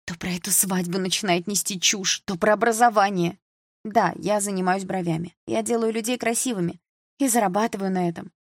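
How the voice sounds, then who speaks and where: A woman's voice: medium pitch, steady tone, brisk, dry recording, studio quality, pitched above the performer's own voice, close to an everyday voice. A woman reading an audiobook, voicing an indignant young woman who pushes back hard against her father. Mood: exasperated. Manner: indignant, exclamatory.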